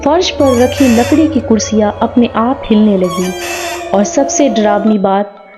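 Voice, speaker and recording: A woman narrating a scripted horror story in a slow, measured way. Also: a little high. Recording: dull lo-fi sound with faint music.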